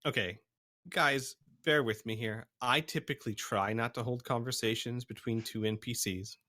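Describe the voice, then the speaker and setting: A man running a tabletop game as game master, narrating casually in a halting, conversational way. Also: mid-range voice, bright, forceful tone.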